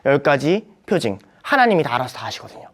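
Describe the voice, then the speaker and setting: Young male youth preacher, Bible study lecture, very lively delivery, acts out quotes. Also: fast. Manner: animated, acts out quoted voices with sharp pitch jumps. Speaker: youth ministry preacher teaching teachers.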